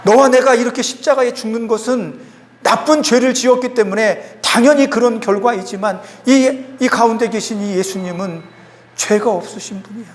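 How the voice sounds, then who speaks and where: A humble, repentant criminal on a cross speaks in an earnest, pleading tone, as a preacher puts him on. His voice sits high yet subdued, and a long echo from a big hall trails behind it. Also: normal speed. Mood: rebuking.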